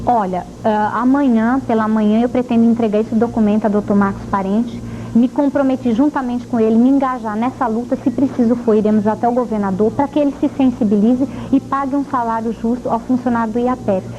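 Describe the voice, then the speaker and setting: A woman's voice: fairly high pitch, fairly even intonation, fairly quick, dark tone. A woman answering a TV news interview as an association president, firm and assertive, heard from an old VHS tape. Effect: old VHS tape recording. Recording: dull lo-fi old VHS tape with faint hiss.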